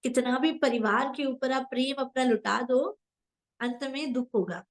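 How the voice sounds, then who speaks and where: A woman's voice: high voice, unhurried, rough recording. A woman giving a devotional discourse as spiritual teacher to an online group, earnest and asking her listeners questions. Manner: earnest, asks the audience questions. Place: online live session.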